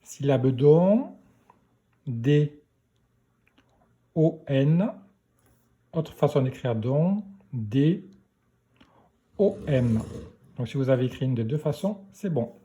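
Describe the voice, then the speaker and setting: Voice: medium pitch, animated, takes it slowly, long pauses, dark tone, lo-fi sound. A primary school teacher giving a remote dictation lesson, repeating each syllable and spelling it out letter by letter.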